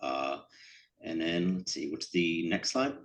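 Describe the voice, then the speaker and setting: A man's voice: deep voice, very animated, slow. A middle-aged man with a New England accent, presenting his sculptures in a casual, rambling talk with a lot of fillers and self-deprecating asides. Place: event room.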